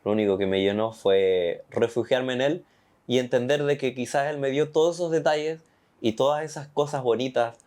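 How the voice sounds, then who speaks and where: A young man with a Chilean accent giving an earnest, animated personal faith testimony. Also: mid-range voice, moderate pace. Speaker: testimony guest.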